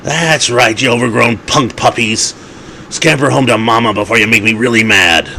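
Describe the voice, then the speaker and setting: A man's voice: mid-range voice, moderate pace, bright, forceful tone, slight background noise, voice pushed up. A man voicing a theatrical old male vampire who is mocking toward enemies and fatherly toward friends.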